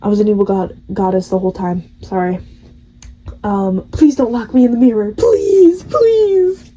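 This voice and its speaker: A woman's voice: mid-range voice, moderate pace, dark tone, husky, lightly acted, low-quality recording. A woman voicing a frightened young game heroine who pleads and apologizes. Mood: pleading.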